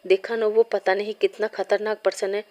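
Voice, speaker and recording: A woman's voice: medium pitch, level tone, normal speed, darkish tone, natural voice. A woman voicing a worried young man, the older brother, in a storybook reading.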